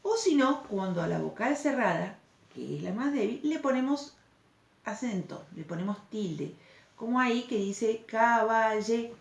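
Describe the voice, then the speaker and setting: A woman's voice: medium pitch, very animated, normal speed, gravelly. A woman teacher, patiently explaining a recorded lesson and checking in with the class through questions. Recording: echoey room, faint background noise.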